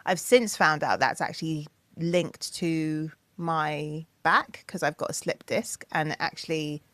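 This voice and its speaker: Unhurried and low-voiced, a woman in her thirties who sings and produces shares stories on a podcast with no echo in the sound. She gets animated, performing other people's quotes in a raised voice.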